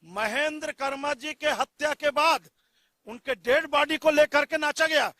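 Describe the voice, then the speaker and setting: Very high-voiced combative male panelist. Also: unhurried, bright, forceful tone, no room sound. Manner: combative, rhetorical questions. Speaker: debate panelist. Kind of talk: TV news debate argument.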